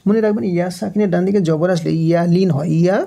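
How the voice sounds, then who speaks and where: A man teaching Quran recitation step by step, spelling out letters and vowel marks, asking questions and answering them himself, and now and then chanting a verse slowly. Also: sits high, vocal fry, warm tone. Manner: drills letter by letter, asks and answers his own questions. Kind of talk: step-by-step Quran reading lesson.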